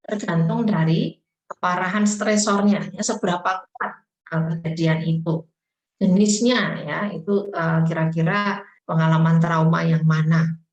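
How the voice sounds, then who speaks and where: Lower-pitched woman lecturing in an echoey room. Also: fairly even intonation, a little slow, muffled recording. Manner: explanatory, frequent tag questions and fillers. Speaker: webinar speaker on trauma.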